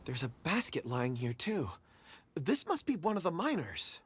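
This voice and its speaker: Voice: mid-range voice, big pitch swings, moderate pace, slight background noise, lightly acted. An actor playing a thoughtful companion with lost memories. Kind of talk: game voice acting. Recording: game soundtrack behind.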